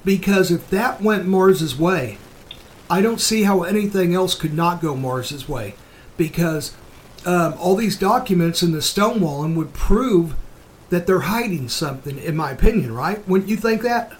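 A man's voice: high-pitched, lively intonation, measured pace, slight background noise. A man hosting a casual talk show, giving opinionated commentary in a blunt, sweary, emphatic manner. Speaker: show host.

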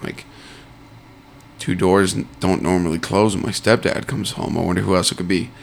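A man's voice: sits low, steady tone, normal speed, gravelly, a little hiss or hum. A young man in his twenties telling a story in casual chat, acting out other people's lines. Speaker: podcast co-host.

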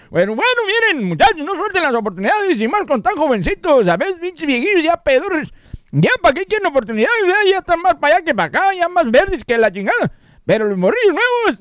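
Male performer as high, lively old joker; crude, bawdy. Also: dry recording, studio quality, exaggerated voice. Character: crude joking old Mexican man.

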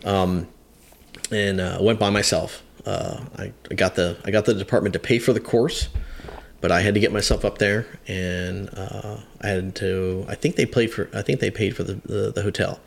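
A man's voice: deep voice, fairly even intonation, normal speed, vocal fry. A man in his fifties, a veteran firefighter, telling a long story in a podcast chat, rambling with hesitant restarts. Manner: rambling, hesitant, many restarts, acts out quotes. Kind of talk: conversational storytelling.

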